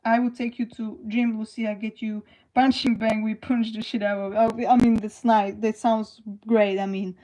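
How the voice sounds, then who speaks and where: Slow, soft-toned young woman streamer. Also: on the high side, poor audio. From Slovakia. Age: 20s. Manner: slow, hesitant, many fillers and restarts. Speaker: livestream host. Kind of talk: casual livestream chat reading comments.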